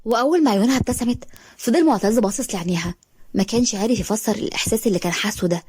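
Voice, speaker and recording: A woman with an Egyptian accent narrating a story in a brisk, steady way. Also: a little high, husky, dry recording, clean studio sound. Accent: Egyptian Arabic.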